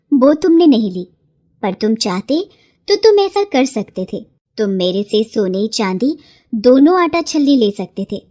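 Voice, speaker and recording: A woman's voice: a little high, dark tone. A woman voicing a stern pond goddess. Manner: solemn, rebuking. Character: stern female pond goddess, kind but just.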